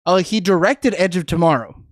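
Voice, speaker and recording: A man's voice: high-pitched, expressive, brisk, dry recording, studio quality. A man co-hosting a casual movie review discussion, crude, profane and opinionated in how he talks. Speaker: podcast co-host reviewing movies.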